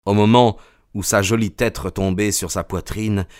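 A man giving measured audiobook narration of a classic novel. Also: lowish voice, steady tone, no room sound, clean studio sound, soft background music.

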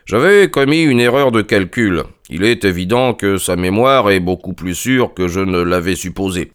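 A man's voice: deep voice, expressive, normal speed, clear, resonant tone. A man doing a cool, dryly polite detective. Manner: polite, dry, self-assured. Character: cool, ironic male detective. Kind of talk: audiobook character reading.

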